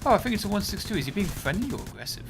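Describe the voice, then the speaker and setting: A man's voice: high voice, very animated, very fast, noisy background. A young man streaming a game, rambling chattily through casual commentary and breaking off to react to the match. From United Kingdom.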